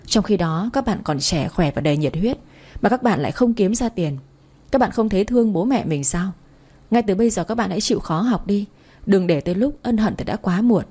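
A woman's voice: mid-range voice, expressive, brisk, dark tone, husky. A young adult woman reading a first-person story aloud in a firm, lecturing manner. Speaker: narrator.

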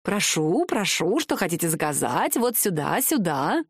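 A woman's voice: lowish voice, sing-song, measured pace, breathy edge, no echo, studio quality, voice pushed down, heavily acted. A woman voicing a bustling, kindly little shoemaker who mutters and fusses. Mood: welcoming.

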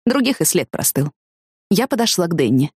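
Expressive woman audiobook narrator. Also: fairly low pitch, moderate pace, husky, no echo, clean studio sound. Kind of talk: first-person audiobook narration.

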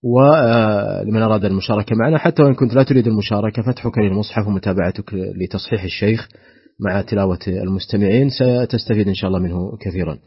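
A man's voice: on the low side, fast talker, husky, dry recording. A man hosting a radio call-in lesson, welcoming listeners, giving the phone number and asking the teacher questions, on a dull lo-fi recording. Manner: welcoming, announces and asks questions. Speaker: radio program host.

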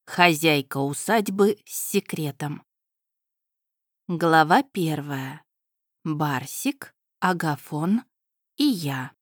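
A woman narrating a first-person audiobook in a measured storytelling way. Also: sits low, expressive, dry recording, studio quality.

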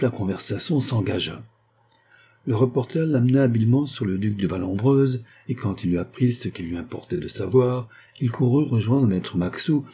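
A man reading a novel aloud as an audiobook narrator, giving the dialogue only small lifts in pitch and little change of voice. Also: dark tone, a little hiss or hum.

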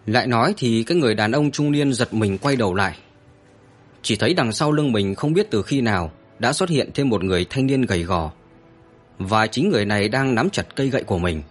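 A man narrating a story in an expressive, dramatic scripted reading. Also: medium pitch, brisk, faint music behind.

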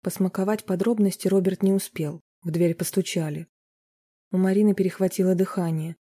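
Husky, mellow audiobook narrator. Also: mid-range voice, steady tone, a little fast, no room sound. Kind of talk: audiobook narration of a romance novel.

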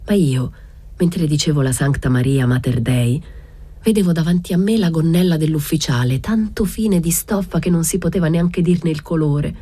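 A woman reading a literary novel aloud in a measured way, raising her pitch for the village women's voices. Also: warm tone, breathy edge, dry recording. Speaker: reader.

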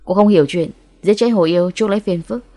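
A commanding young male demon hunter from a ghost audiobook, acted by a woman. He speaks sternly, in forceful scolding orders. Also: fairly low pitch, fairly even intonation, fast talker, close to an everyday voice.

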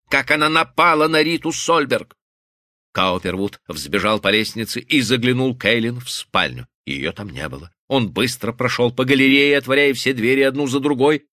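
A man's voice: mid-range voice, bright, forceful tone, no echo. A man narrating a novel as a scripted audiobook, reading expressively and dramatically into a studio mic.

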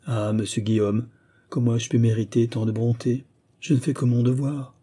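A man's voice: mid-range voice, flat delivery, normal speed, mellow, close to an everyday voice. A man voicing a timid, emotional young male clerk who stammers and pleads in an audiobook. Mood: moved.

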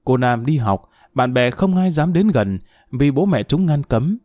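Man narrating a story, dark mellow tone. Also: mid-range voice, expressive, measured pace, dry recording, studio quality. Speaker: audiobook narrator. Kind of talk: scripted narration.

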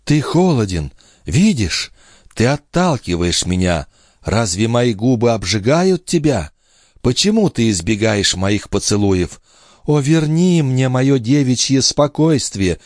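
A man voicing Lorenza, a passionate, sorrowful young clairvoyant wife, in a high, imploring, tearful tone in an audiobook reading. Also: big pitch swings, measured pace, darkish tone, no room sound, studio quality. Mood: pleading.

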